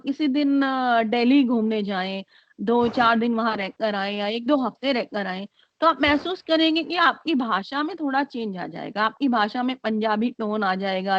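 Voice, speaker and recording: A woman giving an online lecture, speaking slowly and hesitantly with many fillers, mixing Hindi and English. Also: a little high. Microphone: computer mic on a video call. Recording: dry, dull lo-fi call audio.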